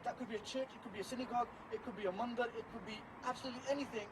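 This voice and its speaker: High-pitched, fast, emphatic young man outdoors. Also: fairly even intonation. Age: young adult. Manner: emphatic, repeats phrases, frequent tag questions like "right" and "yeah"; mixes Punjabi phrases into English. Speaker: Sikh community member being interviewed. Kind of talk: impassioned, off-the-cuff street interview answer. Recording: noisy outdoor recording with traffic.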